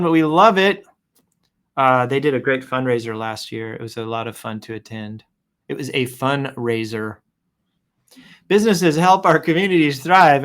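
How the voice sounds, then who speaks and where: A man with a mid-range, fairly bright voice hosts a show, casually reading posts aloud and improvising commentary. He adds playful announcer flourishes and wry asides.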